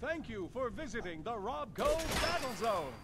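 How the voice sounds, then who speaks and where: An actor playing a hyped, cheesy arena announcer in a video game, with bombastic fighting game showmanship and drawn-out calls. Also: male voice, very high voice, sing-song, very noisy. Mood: showman sign-off. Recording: loud music and game sound behind.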